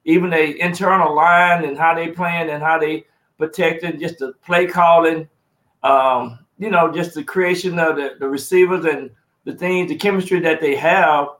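A man's voice: on the high side, fairly even intonation, moderate pace, a bit bright. Rambling man in an echoey room. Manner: rambling, repeats words while building a point. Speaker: sports talk co-host. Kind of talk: casual sports talk.

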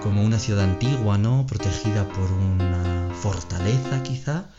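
A man co-hosting a podcast quiz, reading questions and options slowly and explaining the grammar patiently. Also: fairly low pitch, muffled recording, over loud music. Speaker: podcast co-host running a quiz. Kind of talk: slow, clear Spanish-lesson quiz chat.

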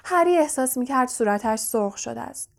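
A woman reading an audiobook as narrator in calm, even storytelling. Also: a little high, gravelly. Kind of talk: scripted narration.

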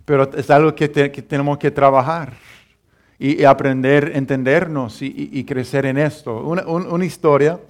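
A man's voice: on the high side, fairly even intonation, normal speed. A middle-aged man preaching a sermon as pastor, telling a family story with many restarts and chuckles.

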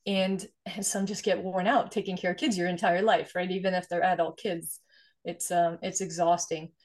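Swedish-born woman in her 40s, kinda low voice, earnest, explains stuff, says "right?" a lot. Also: level tone, moderate pace, darkish tone. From Sweden. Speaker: guest, investor and nonprofit founder. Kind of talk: conversational interview.

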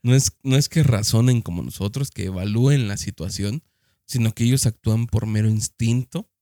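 Measured man musing in casual chat. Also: lowish voice, dark tone, no echo, studio quality. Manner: measured, thoughtful, hesitant restarts.

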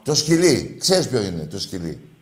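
A male radio sports host needling a caller in call-in banter, teasing and quick to get heated. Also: fairly low pitch, sing-song.

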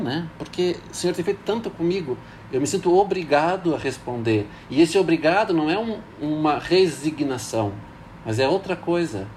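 Reflective priest, slightly high voice. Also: male voice, darkish tone, slight background noise. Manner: thoughtful, hesitant with many fillers. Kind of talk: casual reflective talk.

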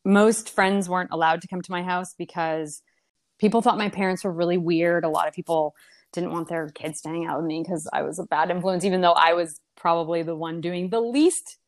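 A young woman telling stories about her childhood in a relaxed conversational way, with lots of fillers and restarts. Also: lowish voice, a little fast. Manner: rambling, many fillers and restarts. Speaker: podcast guest. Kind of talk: casual conversational storytelling.

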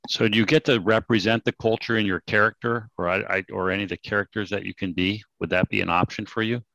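A man from California with a fairly low voice interviews his guest, asking long, curious questions that wander before they land. His voice is dry and close to the mic. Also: fairly even intonation, fast talker, vocal fry, bright, forceful tone, no room sound, low-quality recording. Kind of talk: casual interview talk.

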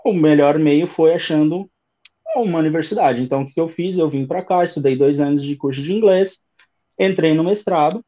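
A man in his thirties with a São Paulo accent, telling his story as an interview guest in a relaxed, rambling way. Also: a little high, fairly quick, dull audio. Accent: São Paulo Brazilian Portuguese. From Brazil. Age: 30s. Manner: relaxed storytelling with many fillers. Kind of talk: casual interview chat.

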